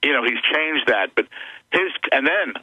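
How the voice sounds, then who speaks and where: A man's voice: medium pitch, expressive, moderate pace, pushed and bright, husky, no echo, low-quality recording. A man who is an attorney, a guest on a talk radio show, speaking earnestly and insistently as he lists grievances.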